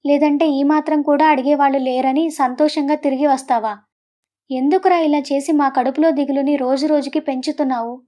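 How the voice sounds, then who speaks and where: A woman's voice: high-pitched, fairly even intonation, a little fast, mellow, close to an everyday voice. Woman voicing a tearful pleading mother. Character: distraught middle-aged mother pleading with her son.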